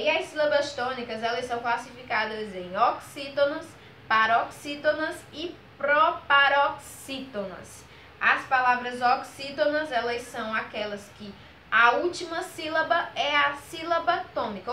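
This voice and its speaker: A woman teaches a grammar lesson, her voice bright and a little high. She draws out each example word slowly and keeps checking in with her students. The recording sounds echoey, with faint room noise behind her. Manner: patient, drawn-out model words, frequent "ok?" and "certo?" checks.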